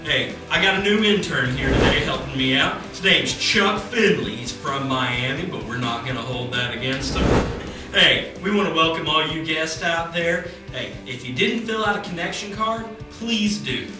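A man's voice: on the high side, animated, moderate pace, heavy reverb, far from the mic, over loud music, lightly acted. A man playing a cheesy church news anchor, with upbeat, jokey patter in a church video sketch. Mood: cheery.

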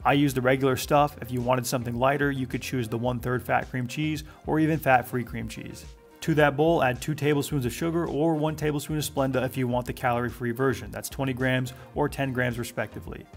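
Guy doing a quick recipe voiceover, matter-of-fact, a bit of fry in the voice. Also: mid-range voice, fairly even intonation, faint music behind. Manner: brisk, matter-of-fact instructions. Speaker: cooking channel host. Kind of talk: scripted recipe voice-over.

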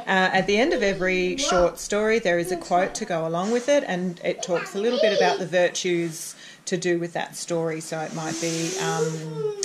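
A low-pitched Australian woman, a homeschooling parent and vlogger, does a casual book round-up from a room at home. Her intonation is lively and her speed normal. Young children play and chatter noisily in the background.

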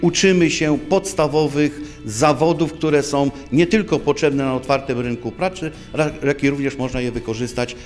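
A man's voice: mid-range voice, normal speed, faint music behind. A man in his sixties giving a spontaneous interview statement, hesitating and repeating words as he goes. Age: 60s. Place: indoor office. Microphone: handheld microphone in front.

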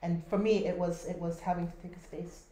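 A woman moderating a video-call panel, reading out a question and answering it herself, halting and restarting often. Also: lowish voice, fairly even intonation, mellow. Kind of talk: online panel discussion. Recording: echoey room, faint noise.

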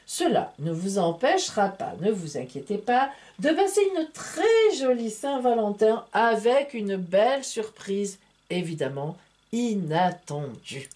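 A woman's voice: mid-range voice, big pitch swings, measured pace, darkish tone. A woman, chatty and playful, reading a monthly horoscope from tarot cards. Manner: chatty, playful, full of fillers like hein and voilà. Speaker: tarot reader and astrologer. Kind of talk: casual horoscope reading to camera.

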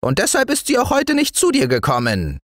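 A man voicing a small gray male forest dwarf in a bedtime storybook, with a thin, high voice and a scolding manner. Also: a little fast, dry recording, studio quality, exaggerated voice. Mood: stern. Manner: scolding, lively. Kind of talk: storybook reading.

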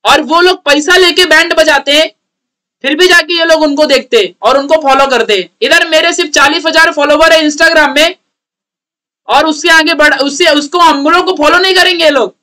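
A man's voice: very high-pitched, fairly even intonation, moderate pace, sharp tone. A young man from India with an Indian accent, an online tutor mixing chatty teasing and frequent laughs into a casual teaching rant.

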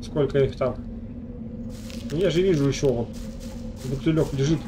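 A gamer hosting a let's play mutters to himself as he plays while also talking to viewers, his man's voice medium in pitch and normal in speed. The recording is noisy, with game sound behind him.

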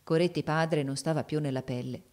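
A woman with a deep voice reads an audiobook of a classic novel a little fast, her intonation fairly even overall. She reads expressively and raises her voice when the characters shout.

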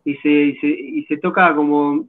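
A man's voice: fairly high pitch, flat delivery, moderate pace. A man, a guest drummer answering interview questions over a video call, thoughtful and agreeable. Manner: thoughtful, agreeable, hesitant restarts. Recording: tinny phone-like video call audio.

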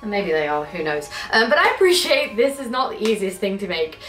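A young British woman rambles through a home cooking vlog in her kitchen, chatty and poking fun at her own mistakes. Her medium-pitched voice is brisk and fairly bright, with big pitch swings, and the kitchen sounds echoey with faint music playing.

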